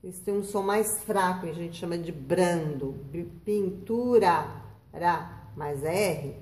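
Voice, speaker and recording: A woman teaching children a spelling lesson, patient and slow, drawing out words and checking in with "tá?" and "né?". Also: lowish voice, a little mellow. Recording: echoey room.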